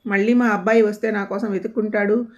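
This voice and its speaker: Woman voicing a gentle, trusting old mother. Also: mid-range voice, steady tone, fast, lightly acted. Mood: pleading. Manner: pleading, soft-spoken. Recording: dull lo-fi audio.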